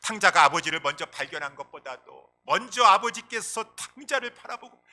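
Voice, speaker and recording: A male pastor giving an impassioned sermon, swinging between loud cries and soft whispers and acting out quoted voices. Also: sits high, animated, normal speed. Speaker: senior pastor.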